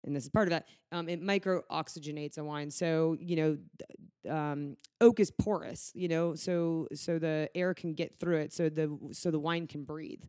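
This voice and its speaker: A man's voice: on the high side, fairly even intonation, moderate pace, a little mellow, clean tone, no echo, studio quality. A man co-hosting a podcast in casual chat, rambling with joking asides. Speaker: podcast co-host.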